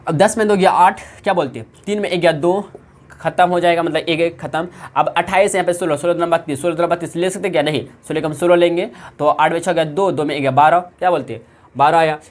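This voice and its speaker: A woman's voice: lowish voice, fast. A woman math teacher with a Bihari Hindi accent, working through sums in a classroom lesson and answering her own repeated questions. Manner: asks questions and answers them herself, repeats every step.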